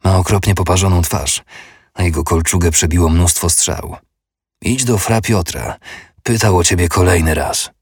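A man voicing a flat, weary monk. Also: low voice, normal speed, slightly rough, dry recording, clean studio sound, far from the mic. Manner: flat, colourless. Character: weary male monk tending the wounded.

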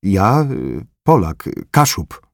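A man's voice: deep voice, very animated, drawn-out words, gravelly, no echo, clean studio sound, exaggerated voice. A man voicing a terrified Kashubian man who stammers and speaks timidly. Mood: insistent. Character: frightened Kashubian man, trembling.

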